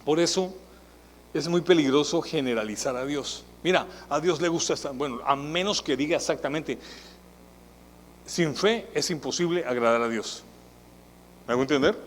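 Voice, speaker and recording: A man preaching a sermon as pastor, in a conversational, animated way that acts out the people he quotes. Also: fairly high pitch, normal speed, pauses often, big-room sound, slight background noise, poor audio. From Colombia. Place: church hall.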